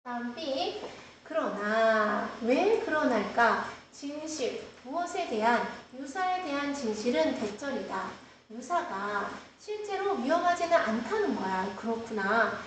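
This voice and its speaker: High-voiced woman teaching in an echoey room. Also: expressive, takes it slowly, a little hiss or hum. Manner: explains step by step, asks the class questions. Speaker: English teacher. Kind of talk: classroom lesson. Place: classroom. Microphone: screen-recorded, far from the mic. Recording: roomy classroom, distant mic.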